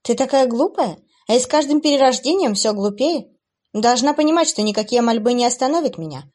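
A cruel, playful female demoness from a storybook, her voice pitched up and louder as she mocks and gloats. Her tone is sing-song and taunting, with a woman narrator putting it on. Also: animated, a little fast. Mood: gloating.

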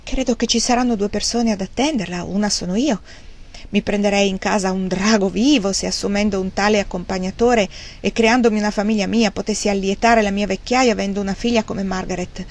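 A woman reading the lines of a wry, grieving old gentleman in an audiobook, with a rambling, self-mocking manner. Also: medium pitch, steady tone, a little fast, close to an everyday voice.

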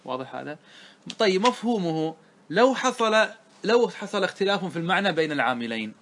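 A man teaches grammar in a classroom lesson, and his voice sits a little high for a man. He draws out each line of verse as he recites it. Then he breaks off to quiz his listeners with short checks. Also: big pitch swings, fairly bright tone. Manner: asks students rhetorical checks, recites verse slowly. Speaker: sheikh teaching Arabic grammar.

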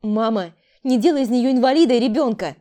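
A woman's voice: a little high, fairly quick, dark tone, pitched above the performer's own voice, close to an everyday voice. Woman doing a stern, commanding older sister. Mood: angry. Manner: commanding, interrogating.

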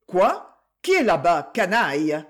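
A man's voice: sits high, huge pitch swings, takes it slowly, a bit bright, full character voice. Man doing a grumbling old shoemaker. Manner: grumbling, flustered. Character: grumbling old male shoemaker uncle, fearful.

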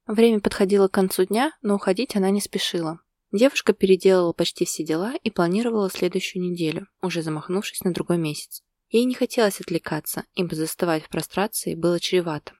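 A woman reading a romance story as narrator in a steady storytelling manner. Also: on the low side, fast, no echo, clean studio sound. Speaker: audiobook narrator. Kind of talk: scripted narration.

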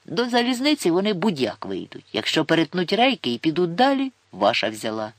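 A man voicing a gruff, mocking older forester who looks down on city folk. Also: on the high side, wildly swooping pitch, a little fast, no room sound, pitched above the performer's own voice. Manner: grumbling, scornful, folksy.

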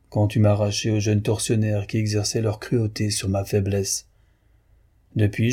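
A man voicing a skeptical young friend who speaks in a measured, gently ironic way. His voice sits low and sounds dark and a bit husky.

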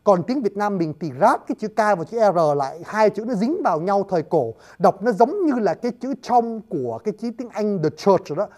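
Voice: mid-range voice, sing-song, a little fast, few pauses, dark tone. A lecturer giving a casual spoken lesson, often addressing the listeners directly and spelling words letter by letter. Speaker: lecturer on word origins.

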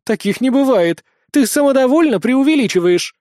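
A man voicing a flustered old witch in a young woman's body, shrill, indignant and pleading. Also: expressive, normal speed, a little mellow, dry recording, studio quality.

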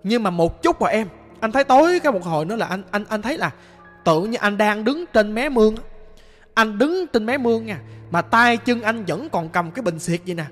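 A man's voice: high voice, lively intonation, fairly quick. A man with a Southern Vietnamese accent voicing the sorrowful ghost of a young man, recounting in a plain, rambling way with many restarts. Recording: long reverb with music behind.

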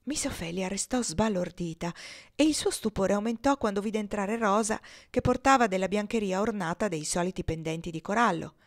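A woman reading a classic novel aloud as an audiobook, in a calm, measured way. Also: medium pitch. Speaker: reader. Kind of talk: audiobook narration.

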